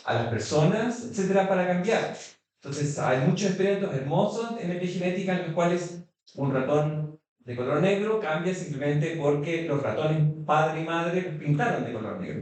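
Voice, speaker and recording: A man's voice: a little high, a little mellow. Hesitant man asking from the floor. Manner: hesitant, with many restarts. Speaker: audience member asking a question. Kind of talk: questions from the floor. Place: consulate event hall. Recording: echoey hall, distant mic.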